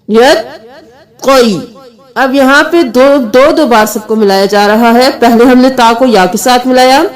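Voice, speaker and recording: A woman teaching Quran recitation, patiently spelling out letters and vowel marks one by one. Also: high voice. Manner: slow, patient letter-by-letter explanation, with sung recitation between. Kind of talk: tajweed lesson, spelling out letters.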